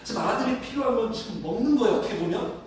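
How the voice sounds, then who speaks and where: A man's voice: very high-pitched, expressive, rapid-fire. A man preaching a sermon as pastor, leading his congregation in reading aloud together and asking them questions. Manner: leads congregation in call-and-response reading. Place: church sanctuary. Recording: echoey church hall from far off.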